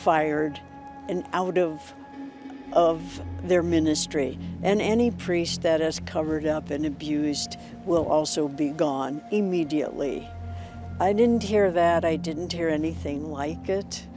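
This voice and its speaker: An older woman answering an interview question in a slow, halting manner with frequent restarts. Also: sits low. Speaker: interviewee, abuse survivor. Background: music bed.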